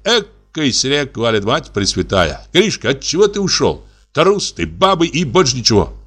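A man reading aloud, voicing a hot-tempered young male artist with a shrill, outraged shout. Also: sing-song, moderate pace, husky. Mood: grumbling. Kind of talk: audiobook character voice.

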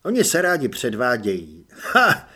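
A man's voice: medium pitch, huge pitch swings, sharp tone, slightly rough, voice pushed down, heavily acted. A man voicing a pompous young male vampire recruit in an audiobook, speaking with smug superiority.

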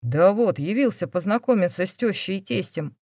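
A woman voicing an unflappable young man who speaks quietly and firmly. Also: mid-range voice, animated, normal speed, no echo, studio quality. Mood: unruffled. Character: calm, confident young man, possessive.

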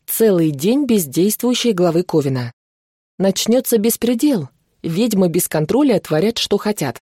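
Woman narrating a fantasy audiobook, dark voice. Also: mid-range voice, expressive, measured pace, slightly rough, dry recording, clean studio sound.

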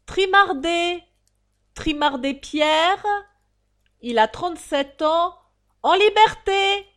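A woman reading an audiobook, voicing a male convict who calls out prisoners' names in a loud, drawn-out shout. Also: extremely high pitch, expressive, pitched above the performer's own voice, heavily acted. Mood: bellowing.

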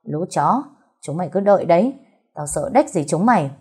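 A woman's voice: fairly low pitch, lively intonation, normal speed, darkish tone, husky, exaggerated voice. A woman voicing a beaten but defiant tattooed male thug spitting threats. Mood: spiteful.

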